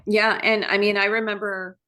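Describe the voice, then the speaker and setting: A middle-aged woman from Maryland, a real estate agent guest, talking in a friendly, relaxed way with many fillers. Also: mid-range voice, moderate pace. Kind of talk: casual conversational interview.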